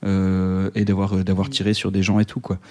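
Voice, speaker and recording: A man's voice: low voice, monotone, a little fast, a little mellow. A man co-hosting a community radio show from France, talking casually about politics with many fillers and restarts.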